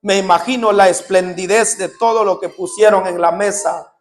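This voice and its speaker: A man's voice: high-pitched, steady tone, moderate pace. A male preacher retelling a scripture story in a sermon and speaking directly to his congregation.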